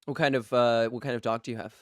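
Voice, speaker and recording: A man hosting a casual podcast interview, rambling and halting, with a slightly gravelly, tired voice after a late night. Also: mid-range voice, fairly even intonation. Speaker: podcast host.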